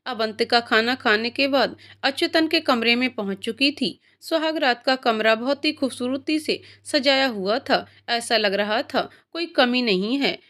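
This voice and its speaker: Lady reading out a family story, high voice, steady and clear. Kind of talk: scripted story narration.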